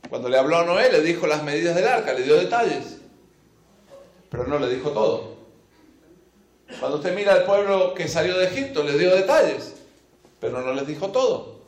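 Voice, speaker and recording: A man's voice: on the high side, very animated, normal speed, pauses often. A man preaching a sermon, reading scripture and then speaking straight to his listeners, stressing and repeating his key phrases. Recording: echoey room.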